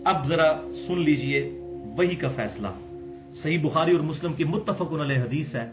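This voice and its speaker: Man, religious lecture, high-pitched, argumentative, emphatic, clear background music. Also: lively intonation, normal speed. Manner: argumentative, with pointed rhetorical questions and sudden emphatic rises.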